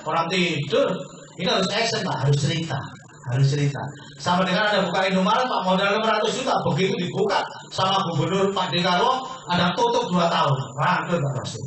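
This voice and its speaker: High-voiced man pitching to an echoey hall. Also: quick pace, a bit bright. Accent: Indonesian. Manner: persuasive, addresses audience as Pak, asks and answers himself. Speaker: business presenter. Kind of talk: sales pitch seminar. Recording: echoey room from far off, faint noise.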